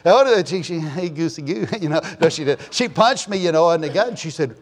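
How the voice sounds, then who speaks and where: Folksy sixty-something preacher with a lightish voice. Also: male voice, on the high side, expressive, fast talker. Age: 60s. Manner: joking storyteller, chatty asides to the congregation. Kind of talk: folksy, rambling sermon talk.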